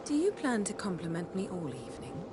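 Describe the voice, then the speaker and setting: A woman's voice: mid-range voice, sing-song, a little fast, very noisy, lightly acted. An actress playing a frank, composed young noblewoman in a video game, with a wry, conversational manner.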